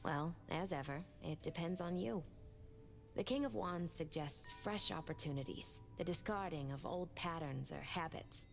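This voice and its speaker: Thoughtful tarot reader in a game, creaky voice, calm and musing, faint music behind. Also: female voice, sits low. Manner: measured, musing. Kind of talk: video game voice acting.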